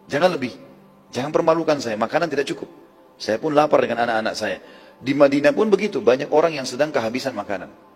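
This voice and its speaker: Preacher doing anxious practical wife, fast talker, reverberant hall, faint music behind. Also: male voice, mid-range voice, expressive, breathy edge. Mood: pleading. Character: worried young wife of a poor household.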